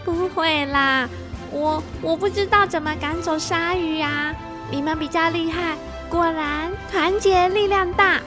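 A woman voicing a cheerful, eager little girl in a children's storybook, talking brightly and exclaiming often. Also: sits high, measured pace, over music, pitched above the performer's own voice. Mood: sweet chatty.

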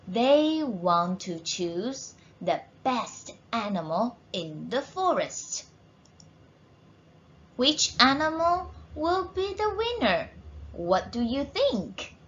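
Slow, bright-voiced woman teacher. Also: a little high, big pitch swings, muffled recording. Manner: encouraging, asks questions. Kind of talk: reading a storybook to children.

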